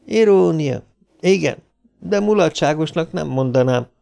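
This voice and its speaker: A man reading an audiobook, voicing a sharp, mocking woman robot psychologist with a sarcastic, biting delivery. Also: fairly high pitch, animated, creaky.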